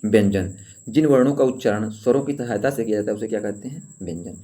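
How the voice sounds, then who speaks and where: A man teaches an exam-prep grammar lesson in a low, warm, mellow voice. He asks his class questions and answers them himself. He repeats the key points so they stick. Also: fast talker. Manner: draws out sounds when demonstrating vowels.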